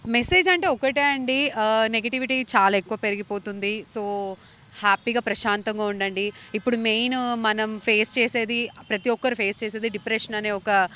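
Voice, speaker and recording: In an interview, a young actress from India responds earnestly, mixing in English phrases as she goes. She talks at a normal speed with a clean, sharp, rather high voice.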